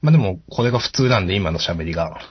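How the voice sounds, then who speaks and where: A man's voice: low voice, expressive, rapid-fire, music in the background. A man from Shimane in easygoing casual podcast chat, a little self-deprecating. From Shimane, Japan. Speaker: podcast co-host. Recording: dull lo-fi podcast audio.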